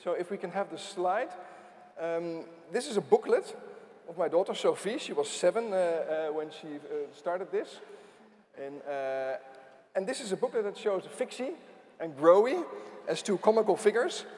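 Halting man with a tongue on stage. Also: high-pitched, expressive, darkish tone. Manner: halting, with many repeated words. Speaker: conference host. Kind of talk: conference remarks. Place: large conference hall stage. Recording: hall reverb.

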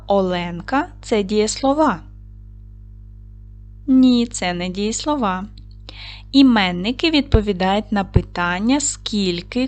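Speaking in a mid-range voice with a Ukrainian accent, a woman primary school teacher presents a recorded video lesson for children, clear, patient, and instructive.

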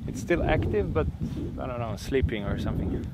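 A man's voice: medium pitch, animated, fairly quick. A man hosting a sailing vlog, explaining casually and searching for words while out on a volcano hike. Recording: noisy outdoor recording.

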